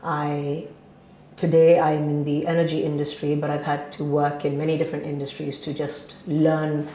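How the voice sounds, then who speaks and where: Ghanaian woman guest, very low voice, chatty, roomy echo. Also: flat delivery, moderate pace, mellow, a little hiss or hum. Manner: chatty, with frequent fillers and restarts. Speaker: interview guest from the energy industry. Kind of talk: interview answers. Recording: echoey room.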